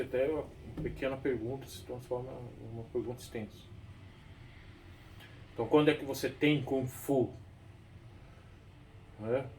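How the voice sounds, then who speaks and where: A man's voice: medium pitch, a little mellow. Brazilian man talking from far off. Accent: Brazilian Portuguese. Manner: rambling, frequent tag questions and restarts. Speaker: kung fu teacher. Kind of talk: explanatory talk. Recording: distant mic with faint background noise.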